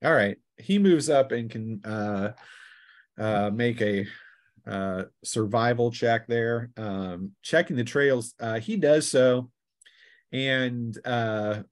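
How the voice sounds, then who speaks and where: Here a man runs a tabletop roleplaying game as its game master, describing scenes improvisationally with hesitant pauses, in a mid-range voice.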